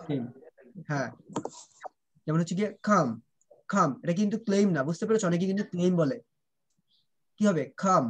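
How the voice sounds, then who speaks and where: A man's voice: sits high, lively intonation, fast, pauses often. A man teaching children pronunciation in an online class. He drills sounds and keeps asking whether the students understand, switching between Bengali and English.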